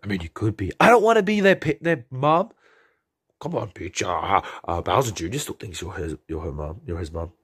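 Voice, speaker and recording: A man voicing a boastful, clingy male turtle king with spikes, whining and pleading with a raspy, gravelly voice in an amateur comedy skit. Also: sits low, expressive, normal speed, fairly bright tone. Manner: whiny, pleading, mumbling asides.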